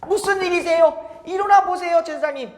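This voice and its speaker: A storytelling preacher voicing young Samuel, an eager, insistent boy, in a high, excited voice. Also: brisk, roomy sound, big-room sound.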